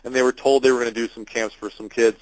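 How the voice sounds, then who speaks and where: A man's voice: medium pitch, flat delivery, fast talker, no room sound, poor audio. A man speaking informally as an expert guest in an interview.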